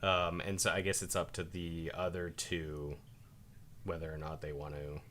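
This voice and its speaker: A man's voice: sits low, little pitch movement, normal speed, a bit bright, slight background noise. A man chatting casually as a player in a tabletop role-playing game.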